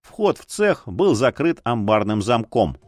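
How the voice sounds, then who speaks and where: Expressive male audiobook narrator. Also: medium pitch, a little slow, no echo, studio quality, faint music behind.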